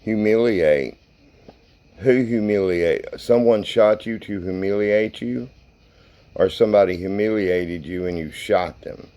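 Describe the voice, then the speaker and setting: A man's voice: fairly low pitch, a little slow, dark tone. A man casually narrating a paranormal session and questioning spirits in a folksy, plain-spoken way. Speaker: paranormal investigator hosting a spirit box session.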